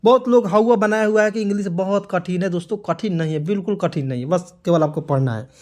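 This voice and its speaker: A man's voice: high-pitched, fast talker, a little mellow. A man teaching English words, spelling them letter by letter and drilling each one with repeated questions and answers. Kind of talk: classroom-style spoken lesson.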